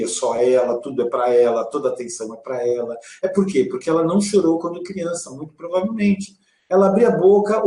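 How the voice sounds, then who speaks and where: Calm explaining man, echoey room. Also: mid-range voice. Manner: calm explanatory, with vivid examples. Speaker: co-host and father. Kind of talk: live parenting talk.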